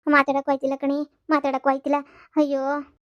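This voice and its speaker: A moaning, worn-out village woman from a cartoon comedy, as a woman acts her out. Her voice is high and thin, with long wailing calls. She complains that she is feeble and drained. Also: monotone, fairly quick, dull audio, close to an everyday voice. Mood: exhausted, moaning. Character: weak, worn-out village woman with a stomach bug.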